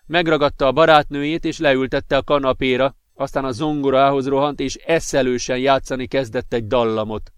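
A man reading an audiobook as narrator in a steady, measured voice. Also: medium pitch, clear, resonant tone, dry recording. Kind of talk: scripted narration.

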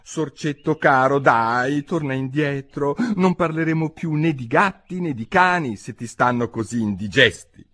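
A man's voice: on the high side, sing-song, normal speed, slightly rough, pitched above the performer's own voice. A man voicing a well-meaning, talkative young girl in an audiobook, raising his voice to sound girlish. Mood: chatty. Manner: eager, chattering, tactless.

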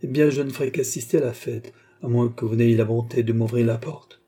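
A man's voice: mid-range voice, steady tone, brisk, dark tone, breathy edge, close to an everyday voice. A man voicing an impatient young nobleman who speaks with sulky, restrained anger. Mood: sullen.

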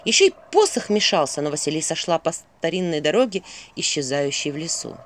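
A woman narrating a fairy tale in an expressive storytelling manner. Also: low voice, fairly quick, a little hiss or hum. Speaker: audiobook narrator.

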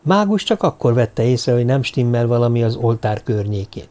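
A man reading a novel aloud as an audiobook narrator, in measured, even storytelling. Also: medium pitch. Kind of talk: scripted narration.

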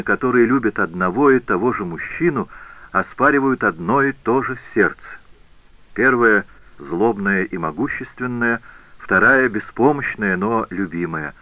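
A man narrating a historical novel as an audiobook in a measured, expressive reading. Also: fairly low pitch, no room sound. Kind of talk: scripted narration. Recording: tinny phone-like band, dry.

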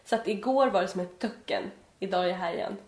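A woman's voice: mid-range voice, a little mellow, reverberant. A woman co-hosting a podcast, chatting casually with dry, joking reactions. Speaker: podcast co-host. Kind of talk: casual chat.

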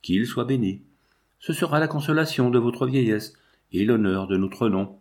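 A man's voice: medium pitch, moderate pace, darkish tone, close to an everyday voice. Grieving old lawyer, read by a man. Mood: moved. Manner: impassioned, lamenting. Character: grieving older male lawyer, effusive and tender.

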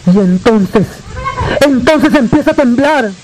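A man with a Mexican accent telling a folk tale to a live audience, with dramatic drawn-out repetitions and joking asides. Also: very high-pitched, expressive, a little mellow, a little hiss or hum, rough recording. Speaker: storyteller. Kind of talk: live oral storytelling.

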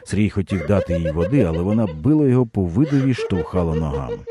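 Deep-voiced man reading a story. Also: racing, crowd noise. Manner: expressive, dramatic reading. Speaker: narrator. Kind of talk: literary audiobook reading.

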